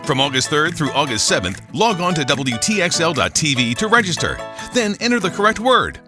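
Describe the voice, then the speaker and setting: A man doing a scripted TV promo voice-over as a booming prize announcer. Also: sing-song, a little fast. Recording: music behind the voice.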